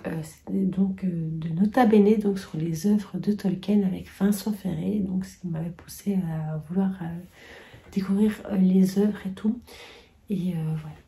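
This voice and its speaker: Middle-aged woman vlogger, casual and halting, very dark tone, gravelly. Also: mid-range voice. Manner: hesitant, many fillers, drifting into whispers. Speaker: booktuber sharing yearly favourites. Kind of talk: casual talk to camera.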